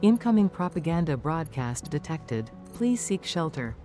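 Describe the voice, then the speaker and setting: A performer voicing a propaganda broadcast announcer in a video game, giving formal, measured public warnings. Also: medium pitch, very animated, warm tone, soft background music, close to an everyday voice. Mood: official warning. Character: propaganda broadcast announcer urging people to shelter.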